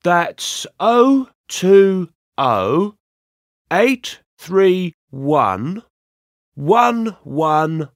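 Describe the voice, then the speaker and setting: A man acting a polite person taking down a phone number in a scripted course dialogue, repeating digits clearly and carefully. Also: high-pitched, very animated, very slow, dry recording, clean studio sound, exaggerated voice.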